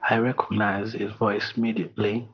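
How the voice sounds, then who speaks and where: A middle-aged Rwandan man reading a personal apology in a slow, solemn, measured way, heard over muffled video call audio. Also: on the low side, flat delivery, a little hiss or hum. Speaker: interview guest.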